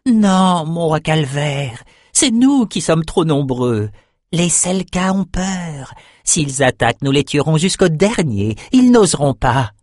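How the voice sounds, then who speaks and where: A man voicing an excitable, jumpy male albino shaman who talks shrilly and repeats himself. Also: fairly high pitch, slow pace, no echo, clean studio sound, pitched above the performer's own voice, exaggerated voice. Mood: manic.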